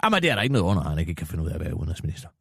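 A man playing a gossipy middle-aged woman in a radio comedy sketch, spilling a scandal in breathless bursts and sudden hushed asides. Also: low-pitched, very animated, gravelly, husky, no room sound, clean studio sound, heavily acted. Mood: gossiping. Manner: breathless gossiping, dropping to a hush.

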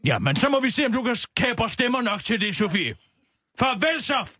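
A man's voice: extremely high pitch, big pitch swings, sharp tone, husky, no room sound, heavily acted. A man voicing a bossy, scheming woman radio host who barks orders in a comedy sketch. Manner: barking orders, rude.

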